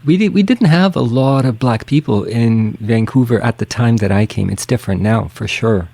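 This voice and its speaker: A man's voice: medium pitch, normal speed, gravelly, darkish tone, no room sound. Chatty male radio host, very dry sound. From Tanzania. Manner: rambling, chatty, many restarts. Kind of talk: casual interview chat.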